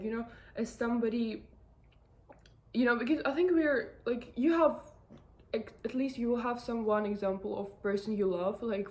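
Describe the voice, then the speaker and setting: A woman's voice: on the high side, darkish tone. Woman, vlogger, casual self-help talk, rambling, lots of fillers, earnest, encouraging. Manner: rambling, heavy on fillers and restarts. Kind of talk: casual advice talk to camera.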